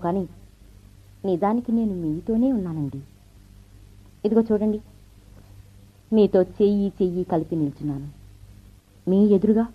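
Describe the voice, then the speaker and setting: An actress playing a confident career wife and officer in an old radio show, brisk and teasing, with the thin sound of a vintage radio broadcast. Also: female voice, mid-range voice, husky, narrow, tinny audio. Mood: defensive. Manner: brisk, self-assured, teasing speech with light laughs. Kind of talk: 1970s radio drama acting.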